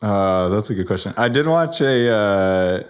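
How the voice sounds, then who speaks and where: A man's voice: fairly low pitch, lively intonation, unhurried, smooth. A man co-hosting a film podcast who keeps laughing through his answers in a casual chat. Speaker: podcast co-host.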